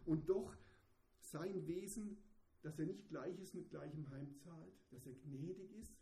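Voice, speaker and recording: Male preacher, fairly high but very dark, mellow tone; sermon delivery with hushed lows and emphatic peaks; roomy echo. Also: slow pace, vocal fry. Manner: swings between hushed asides and emphatic raised passages. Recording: echoey room.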